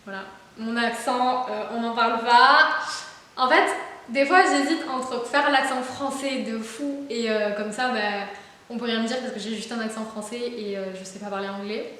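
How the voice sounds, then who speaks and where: A young woman book vlogger with a voice on the high side and a sharp tone chats casually at a moderate pace about her book haul. She is enthusiastic, using lots of fillers and restarts, recorded in a very echoey room with faint hiss.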